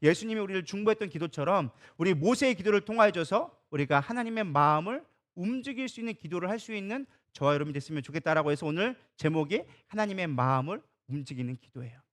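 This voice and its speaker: Male pastor, lively conversational sermon in a church, rapid delivery. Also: high-pitched. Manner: lively, conversational preaching that acts out quoted dialogue. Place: church sanctuary.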